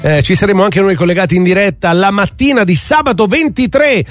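A man's voice: sits high, brisk, no echo. A man hosting radio, chatting casually and announcing offers in a town-crier style. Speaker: radio host. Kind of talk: casual radio banter and live sponsor read.

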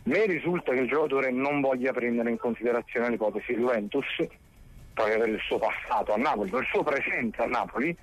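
A man with an animated, mid-range voice delivers sports news fairly quickly on a patchy phone connection. He reasons aloud hesitantly, often repeating himself.

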